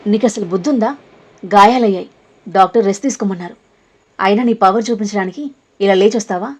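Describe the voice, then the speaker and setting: A woman's voice: mid-range voice, quick pace, husky, lightly acted, rough recording. A woman voicing a headstrong young woman who scolds sharply, in a storybook reading. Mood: scolding.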